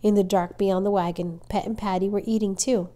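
A woman reading a children's novel aloud as a storyteller, with measured, expressive narration. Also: medium pitch.

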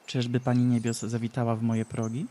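A cruel mad sorceress from an audiobook fantasy tale, drawn-out and taunting, slipping into sing-song mockery, as a male reader puts her on. The voice sits at an ordinary middle pitch, with a faint hiss of noise beneath it. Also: monotone, mellow, close to an everyday voice. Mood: mocking. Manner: slow, taunting, sing-song with cackling laughs. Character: mocking mad woman, ancient sorceress, cruel.

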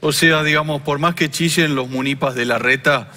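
A man impersonating a smug Argentine politician who rambles through endless "o sea, digamos" fillers and now and then erupts into shouting. The voice sits fairly high and sounds very bright and forceful. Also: fairly even intonation, normal speed. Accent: Argentine Spanish. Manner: filler-laden, saying "o sea, digamos" constantly, with bursts of shouting. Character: man impersonating a libertarian presidential candidate. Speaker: comedian on a radio show. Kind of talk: satirical impersonation sketch.

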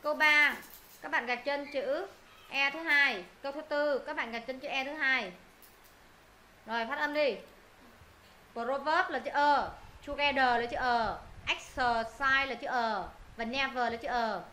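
Woman teacher drilling words over and over, high bright voice, echoey room. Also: a little slow. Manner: drilling, repeating words, quizzing students. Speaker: English teacher. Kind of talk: live pronunciation lesson to students. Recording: echoey room, faint noise.

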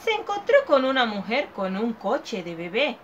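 A woman teacher slowly reading a picture book aloud to children in an animated storytelling manner. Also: on the high side, muffled recording, a little hiss or hum.

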